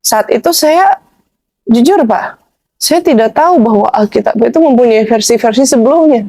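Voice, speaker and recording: A woman guest telling her conversion story in a casual, animated way, slipping into slangy informal speech as she replays old arguments. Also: on the high side, moderate pace. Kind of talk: casual spoken testimony.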